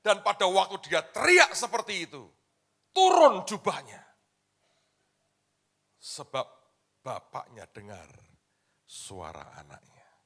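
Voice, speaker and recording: A male pastor preaching a sermon in a colloquial, dramatic way, swinging between loud shouts and hushed asides and often addressing the congregation. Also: high-pitched, huge pitch swings, takes it slowly, creaky, long pauses.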